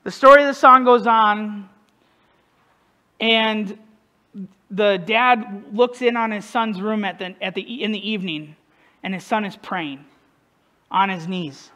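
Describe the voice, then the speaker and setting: Male pastor with a high, light voice; casual, self-deprecating sermon delivery. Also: measured pace, long pauses, pushed and bright. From northern United States. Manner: conversational, self-deprecating, asks the congregation questions.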